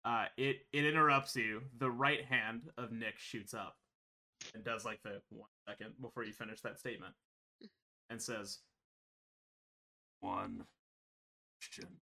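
A man serves as game master for a tabletop horror game, describing scenes in halting, filler-heavy narration. His voice sits at a middle pitch and has a bright, forceful edge. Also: fairly even intonation. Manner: halting, many ums and restarts.

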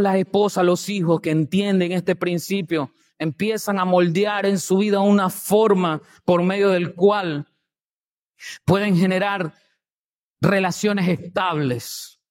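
A man preaching a sermon as pastor, emphatic and full of rhetorical questions, swinging between loud stresses and quiet, low asides.

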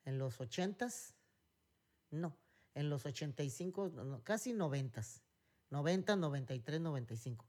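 A man's voice: fairly high pitch, lively intonation, moderate pace, darkish tone. A middle-aged man with a Mexican accent, co-hosting a casual chat and rambling through stories with many fillers and restarts. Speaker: podcast co-host.

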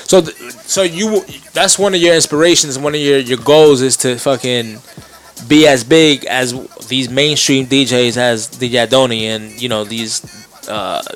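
A man's voice: mid-range voice, steady tone, a little slow. A man hosting a casual interview, speaking in street slang with some Spanish mixed into his English. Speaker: podcast host interviewer. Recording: music behind the voice.

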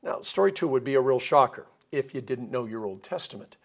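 A man's voice: medium pitch, fairly quick. A man preaching a sermon as pastor, telling Bible stories with playful asides and acted-out quotes. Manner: animated storytelling with playful asides and quoted voices.

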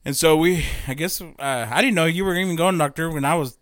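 A man's voice: fairly high pitch, a little fast, fairly bright tone, dry recording. Winded guy in his 30s rambling on his podcast, laughing at himself, dry close sound. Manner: rambling, laughing, self-mocking. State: out of breath. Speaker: podcast host. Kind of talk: casual podcast chat.

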